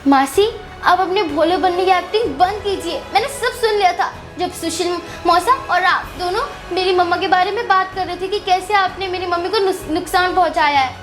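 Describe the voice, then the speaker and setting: A woman's voice: extremely high pitch, normal speed, fairly bright tone, faint music behind. A woman voicing a hurt young woman who pleads and accuses her aunt in a doll story. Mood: bitter.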